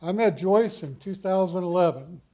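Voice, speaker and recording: A cancer survivor, an older man with a big, high-sitting and mellow voice, gives a personal story talk in a conference hall. He moves at a moderate pace, keeping his account folksy and poking fun at himself.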